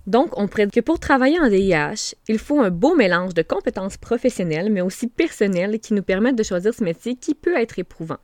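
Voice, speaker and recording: A woman with a Québécois French accent hosting a podcast, reading her introductions and questions in a measured way. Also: medium pitch, lively intonation, a little mellow, no echo. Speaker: podcast host.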